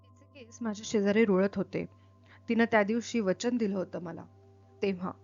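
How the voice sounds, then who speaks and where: Woman reading a lost dreamy young guy, halting and quiet, muffled lo-fi audio with soft music. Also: medium pitch, vocal fry. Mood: wistful. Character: restless, drifting young man, lost in himself. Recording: dull lo-fi with faint music.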